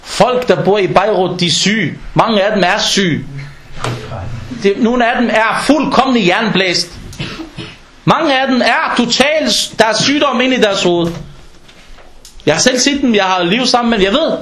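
A man giving an informal sermon in an animated way, acting out everyday exchanges as he preaches. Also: high-pitched, roomy sound, a little hiss or hum. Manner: animated, acts out dialogues in quoted voices.

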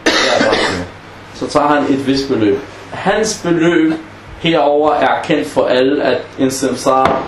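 A man teaching a class on Islamic legal maxims, often asking the students questions and acting out short example dialogues. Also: mid-range voice. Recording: echoey room with faint background noise.

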